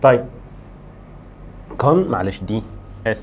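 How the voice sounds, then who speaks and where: A man with an Egyptian Arabic accent teaching an English lesson, switching between Arabic and slow, drilled English words and voicing students' questions himself. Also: fairly low pitch, animated, darkish tone, a little hiss or hum. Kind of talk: lively classroom lesson.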